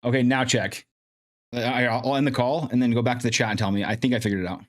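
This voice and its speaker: With a steady, mid-range voice, this man talks fast while hosting a casual stream, musing aloud as he fixes his audio. Faint music plays under his streaming mic, which has in-ear monitoring.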